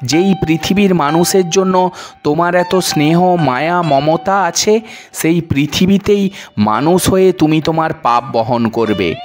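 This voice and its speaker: A man's voice: fairly high pitch, measured pace, faint music behind, close to an everyday voice. A man doing a stern, scolding god of death. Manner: scolding, commanding. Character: stern angry male god of death judging.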